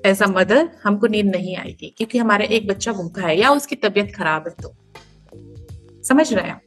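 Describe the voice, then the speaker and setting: A woman in her thirties, a mother and podcast guest, giving earnest, emphatic advice and explaining it through everyday comparisons. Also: fairly high pitch. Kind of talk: podcast interview answers.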